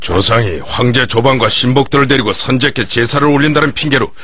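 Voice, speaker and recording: A man's voice: medium pitch, fast, pushed and bright. A man playing a dutiful, shrewd warlord's son in a dubbed historical animation, speaking formally and respectfully. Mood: measured concern. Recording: muffled dub with background music.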